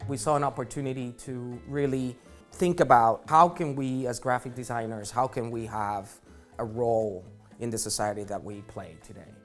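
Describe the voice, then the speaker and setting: A man from Puerto Rico, a graphic designer, talking in a documentary interview in a relaxed, storytelling way with fillers. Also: medium pitch, moderate pace. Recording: music bed underneath.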